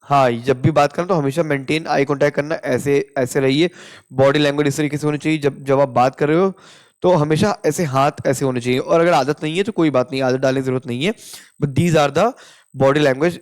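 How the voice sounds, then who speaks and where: Chatty young Indian tutor, slightly high. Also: male voice, fairly even intonation. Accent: Indian English. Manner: explains with frequent "theek hai" check-ins, reads model answers slowly. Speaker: interview prep tutor. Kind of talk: casual Hindi-English tutorial.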